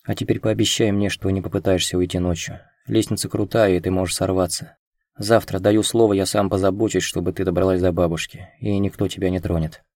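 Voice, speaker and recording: A young lord who is tender yet used to command, in an audiobook, read by a man. The voice is deep and mellow, coaxing and gentle. The recording is dry and close. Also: level tone, brisk, no echo. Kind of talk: audiobook character reading.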